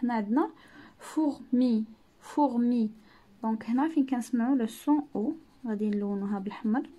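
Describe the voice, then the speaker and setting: A woman teacher with a Moroccan Arabic accent, explaining exercises patiently, repeating words and sounding out French syllables slowly. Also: on the high side, warm tone. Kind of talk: classroom-style lesson narration.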